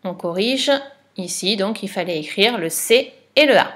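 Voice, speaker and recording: A woman's voice: medium pitch, lively intonation, normal speed, fairly bright tone. A woman teacher giving a patient dictation lesson for a child, spelling letters and syllables one by one.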